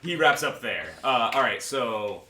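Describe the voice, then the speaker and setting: A man narrating a tabletop game as game master in a casual, halting, improvised way with trailing phrases. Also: mid-range voice, animated, bright, forceful tone, slight background noise. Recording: echoey room, distant mic.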